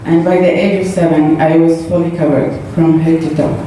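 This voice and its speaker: Speaking as a guest in an echoey church hall, a Saudi woman who is a native Arabic speaker shares her testimony with the congregation, earnest but halting and using fillers. Her low voice is flat and mellow, and the distant recording is noisy.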